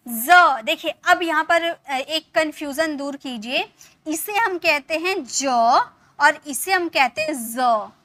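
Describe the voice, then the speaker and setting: Woman teacher, high voice, bright tone, patient, repeats and checks understanding. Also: a little slow. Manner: patient, repeats points with frequent check-ins. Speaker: English teacher. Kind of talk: explanatory online lesson.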